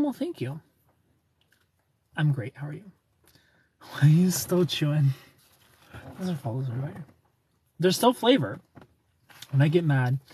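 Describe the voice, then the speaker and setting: There's no room sound around this man's husky, high-leaning voice. In his thirties, he's live-streaming from a car parked at night under neon, chatting playfully, reading viewer comments, and laughing often into the phone close to him.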